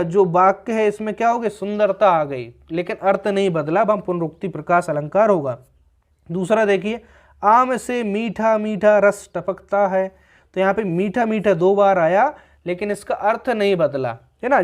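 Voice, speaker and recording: A male teacher explains grammar step by step. He repeats key ideas and poses questions to himself before answering them. His delivery is steady and patient, like an online classroom lesson. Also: high voice. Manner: patient, repeats points, asks rhetorical questions.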